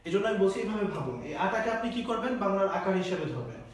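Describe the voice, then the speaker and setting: A man's voice: sits high, big pitch swings, racing. A man teaching a live online language lesson, asking questions and then answering them himself. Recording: echoey, distant, faint noise.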